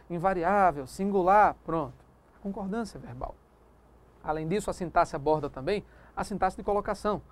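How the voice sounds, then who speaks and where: A male teacher giving a recorded grammar lecture, lively and emphatic, dragging out example words and adding chatty asides to the viewer. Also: high voice.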